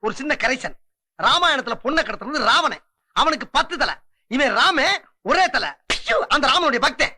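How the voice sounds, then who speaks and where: An actor playing a cheeky male comic sidekick in a film comedy, firing off quick retorts and wordplay. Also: extremely high pitch, animated, sharp tone, slight background noise, heavily acted. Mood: lecturing. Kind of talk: 1990s-2000s film comedy acting.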